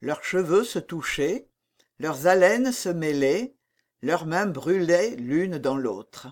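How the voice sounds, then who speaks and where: Brief: woman audiobook narrator, slow, expressive, animated pitch, somewhat low voice. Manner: measured, expressive reading. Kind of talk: scripted narration.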